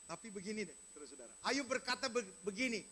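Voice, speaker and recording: A man's voice: sits high, big pitch swings, fast, pushed and bright, slightly rough. A male pastor giving a sermon in a conversational way, speaking straight to the congregation. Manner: conversational preaching, addresses congregation directly.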